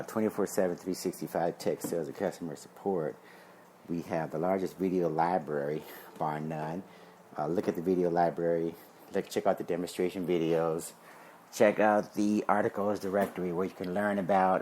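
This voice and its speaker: A man with a low voice gives a chatty, meandering pitch for his security business. He slips in soft chuckles and sounds slightly short of breath as he cleans his car outside. A faint hum of background noise sits behind him. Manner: rambling, chuckles to himself. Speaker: surveillance company owner. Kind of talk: casual promotional talk.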